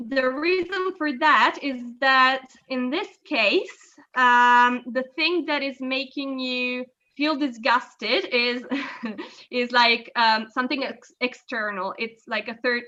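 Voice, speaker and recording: Slow, bright-voiced woman teaching English. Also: fairly high pitch, dull audio. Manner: patient, explains slowly with many fillers. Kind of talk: online language lesson. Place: video call. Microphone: video call.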